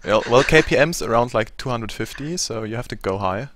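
A man's voice: medium pitch, lively intonation, a little fast, fairly bright tone, a little hiss or hum. A sleepy German-accented man casting games, chatting casually and rambling on a live stream. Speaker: esports caster.

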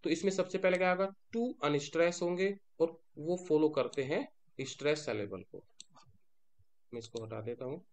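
A man's voice: on the high side, moderate pace. A man with an Indian accent teaching a lecture, mixing in English terms and answering his own questions. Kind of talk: classroom-style lecture.

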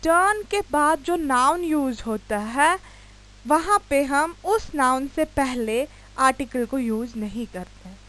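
Slow, high-voiced woman teacher explaining grammar. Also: expressive, sharp tone, low-quality recording. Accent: Indian English. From India. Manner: slow, deliberate explaining, spelling words out and asking checking questions. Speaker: English teacher. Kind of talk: video lecture mixing Hindi and English.

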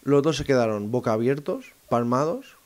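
A man talks in a casual monologue, speaking straight to his listeners and often pausing and restarting his phrases as he thinks aloud. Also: mid-range voice, expressive, darkish tone. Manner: addresses listeners directly. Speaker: host of a segment on psychophony.

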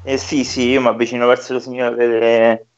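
A man's voice: medium pitch, flat delivery. Hesitant man player, lo-fi. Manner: hesitant, halting restarts. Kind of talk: casual tabletop game talk. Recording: dull lo-fi sound.

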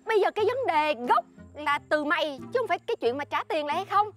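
A woman's voice: very high voice, lively intonation, fast, fairly bright tone, soft background music. An actress with a Southern Vietnamese accent playing a boastful, scheming friend who bossily lectures another woman. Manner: bossy, showy, lectures her friend. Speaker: actress in a comedy sketch.

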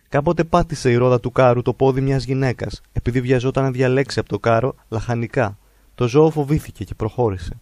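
Man, dark mellow tone, dry close sound, measured reverent reading, biographical narration. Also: mid-range voice, dry recording. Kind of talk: calm biographical narration of a holy man's life.

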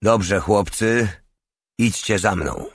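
A man's voice: fairly low pitch, slow, slightly rough, no echo, clean studio sound. A man voicing a small, scarred male desert legionnaire in an audiobook, fierce and scornful as he rallies his comrades. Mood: persuasive.

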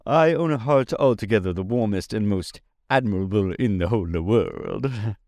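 A man's voice: on the low side, expressive, moderate pace, darkish tone, dry recording, clean studio sound. A man voicing a kind-hearted tin man who speaks earnestly and with concern. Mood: proud.

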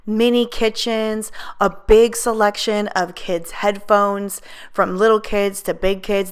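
A woman's voice: medium pitch, clear, resonant tone. Upbeat woman narrating a shopping vlog. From United States. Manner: upbeat, enthusiastic deal-hunting. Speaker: vlogger.

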